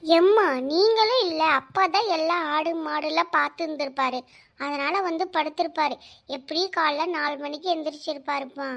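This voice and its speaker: A woman's voice: sits high, moderate pace, gravelly, a bit bright. A woman voicing a small, anxious schoolgirl daughter in a cartoon, pleading and timid. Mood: explaining.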